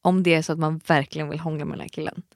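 A woman's voice: sits low, level tone, no room sound, clean studio sound. Young woman reacting with teasing remarks. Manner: reactive listener, frequent agreeing murmurs and teasing remarks. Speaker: podcast co-host. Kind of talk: casual chat.

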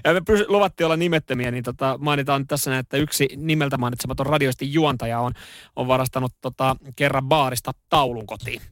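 A man's voice: mid-range voice, dry recording, clean studio sound. A man hosting a radio morning show, telling stories in casual chat with lots of fillers and restarts. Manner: animated storytelling, acts out shouts in the story.

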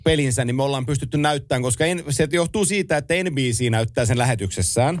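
A man chatting casually about sports, telling animated stories and laughing often. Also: medium pitch.

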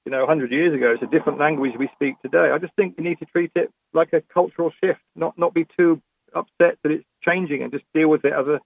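Gravelly man on a phone-like line. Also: a little high, steady tone, no echo. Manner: halting, repeating words. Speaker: phone-in debater. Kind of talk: radio debate. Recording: narrow phone-like radio line.

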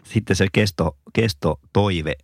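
A man's voice: deep voice, no room sound, studio quality. A middle-aged man co-hosting a podcast, chatting casually and poking fun at himself. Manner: self-mocking, laughs often. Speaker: podcast co-host. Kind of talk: casual chat.

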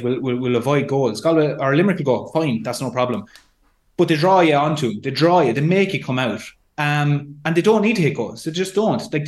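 A man with an Irish accent giving casual sports analysis as a pundit. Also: on the high side. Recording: echoey room sound.

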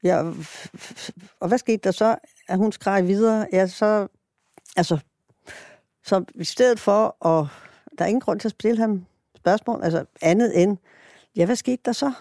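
Earnest, mellow-voiced woman prosecutor. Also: medium pitch, no echo, studio quality. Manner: earnest, reflective, with frequent restarts. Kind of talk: documentary interview.

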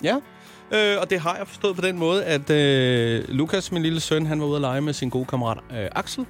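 A man's voice: on the high side, faint music behind. A man in his thirties from Zealand, a radio host telling a weekend story in casual chat, full of fillers and restarts. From Zealand, Denmark.

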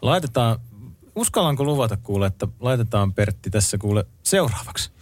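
A man's voice: lowish voice, big pitch swings, no room sound. A man co-hosting a late-night radio show, reading out listener greetings and song requests in an easygoing way. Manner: easygoing, reads listener messages aloud. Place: radio studio. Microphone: close studio microphone.

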